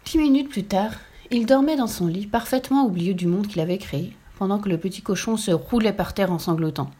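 A woman's voice: mid-range voice, fairly quick. Woman reading a children's tale. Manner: lively, expressive reading. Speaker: storyteller. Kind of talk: reading a children's story aloud.

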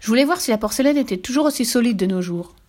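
A woman's voice: a little high, animated, fast talker, darkish tone, pitched above the performer's own voice. A woman voicing Fifi, a bold and mischievous young girl in a storybook reading. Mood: playful. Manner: cheeky, boastful, mischievous. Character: bold playful girl adventurer.

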